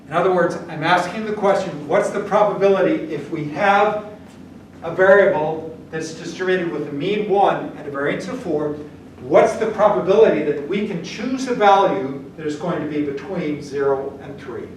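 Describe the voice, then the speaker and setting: Picked up by a camera at the back of a noisy, echoey classroom, an older German-speaking man teaches statistics at the whiteboard. His voice sits on the high side and moves at a moderate pace, and his style is blunt and informal, with frequent checks on whether students are following.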